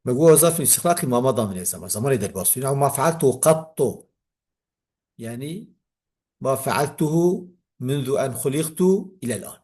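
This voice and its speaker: Kurdish guy teaching old grammar, talks fast, keeps asking if you got it. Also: mid-range voice, expressive, darkish tone, slightly rough. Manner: reads text aloud then explains, checks understanding. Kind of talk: classical text lesson.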